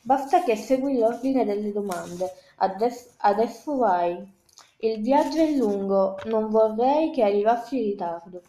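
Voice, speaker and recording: A woman voicing a sick, hoarse young woman student editor who pleads with a friend, in an echoey room. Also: fairly high pitch, animated, measured pace, dark tone. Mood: urging. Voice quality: hoarse from a sore throat.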